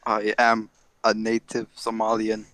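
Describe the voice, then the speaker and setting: A man's voice: fairly low pitch, completely flat delivery, a little slow, a bit bright, dry recording. A man trading crude, profane insults with friends over an online voice call while playing a drawing game. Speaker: player. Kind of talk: casual gaming chat.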